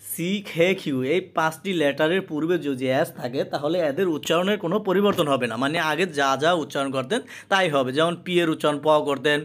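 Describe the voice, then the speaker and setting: Higher-voiced man teaching pronunciation. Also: a bit bright. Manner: slow, repeats each word and meaning twice. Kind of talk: spoken language lesson.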